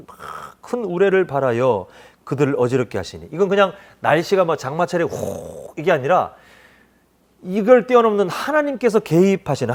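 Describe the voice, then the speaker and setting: A man preaching a children's sermon, animated, often asking the children questions. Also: fairly high pitch. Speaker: children's pastor.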